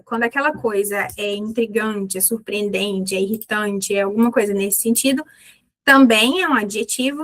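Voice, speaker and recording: Brazilian woman, English teacher, fairly high voice, patient explanations, slow drilled repetitions. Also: a bit bright. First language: Portuguese. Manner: explanatory, repeats English words slowly for drilling. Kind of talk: online English lesson.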